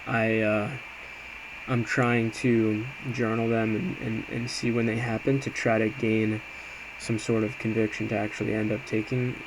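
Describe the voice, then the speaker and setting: A man with a fairly low voice speaks at a measured pace, casually recapping his trades as an amateur day trader while walking through a screen. He sounds hesitant and self-reflective, and the clear recording carries steady background noise.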